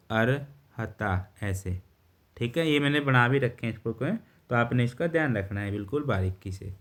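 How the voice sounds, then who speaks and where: A man teaching shorthand, explaining step by step in a patient way and often pausing to check understanding. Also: medium pitch. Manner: patient, repeats words and checks with "theek hai". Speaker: steno teacher. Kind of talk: explaining a lesson while writing.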